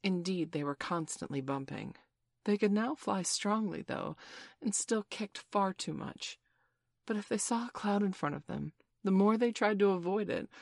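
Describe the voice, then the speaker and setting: A woman narrating a children's storybook in a measured, expressive reading voice. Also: on the low side, gravelly, no echo, studio quality. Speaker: audiobook narrator.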